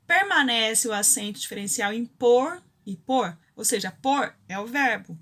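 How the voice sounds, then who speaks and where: A woman's voice: a little high, animated, measured pace, fairly bright tone. A Brazilian woman teaching a grammar lesson, explaining rules step by step and often checking in with her students. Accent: Brazilian Portuguese.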